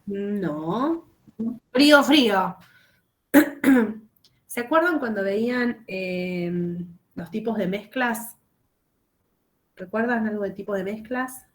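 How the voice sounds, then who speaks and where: A woman's voice: mid-range voice, expressive, slow pace, pauses often. A woman teaching a chemistry lesson over a video call, explaining step by step and checking often that students follow. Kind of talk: online class lecture.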